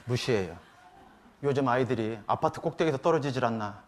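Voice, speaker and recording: A middle-aged man speaking at a parents' seminar at church, in a lively talk full of acted-out family quotes. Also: mid-range voice, brisk, a little hiss or hum. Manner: animated, mimics children and parents, frequent laughter from the room.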